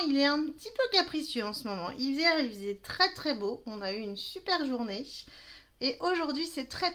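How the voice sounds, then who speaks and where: A crafting live-stream host whose first language is French speaks with a high, fairly bright voice. She chats with viewers and greets them while she works through a live demonstration, apologizing along the way for trouble with her camera.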